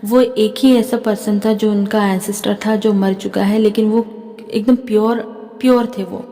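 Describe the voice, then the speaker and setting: A woman's voice: medium pitch, steady tone, normal speed, warm tone. Chatty Indian woman healer in reverb. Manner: chatty, keeps adding "theek hai". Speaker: spiritual healer and tarot reader. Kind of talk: spiritual channeling talk to camera.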